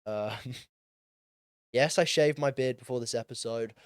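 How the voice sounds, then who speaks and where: A man's voice: mid-range voice, slow pace, clear, resonant tone, no room sound, clean studio sound. A young man in his late teens hosting a solo podcast, rambling in a casual, self-deprecating way with lots of ums and likes. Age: young adult, turning twenty. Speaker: podcast host.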